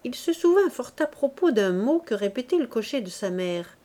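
A woman narrating a classic novel as an audiobook in a measured, even storytelling manner. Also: a little high.

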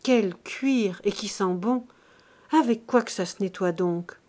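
A woman's voice: medium pitch, slow, warm tone, natural voice. A woman voicing a blunt, stubborn peasant servant woman who speaks her mind. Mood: insistent.

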